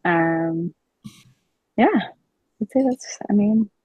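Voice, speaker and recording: A woman's voice: mid-range voice, slow, breathy edge, dry recording, narrow, tinny audio. A woman in her forties, a guest artist, speaking hesitantly with many "um" fillers. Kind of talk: casual interview chat.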